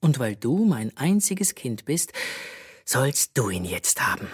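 A caring, weary mother, voiced by a woman reading a storybook, speaks quietly with a sighing softness. Her low, husky voice stays close to the reader's own and still moves with some life in its pitch. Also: big pitch swings, takes it slowly, exaggerated voice. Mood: gentle, weary. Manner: soft, sighing.

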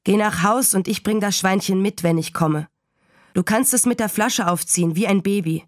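A woman voicing a farmer father who talks softly, slowly and gently. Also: mid-range voice, no room sound, studio quality, lightly acted. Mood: gentle. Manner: soft, slow and gentle.

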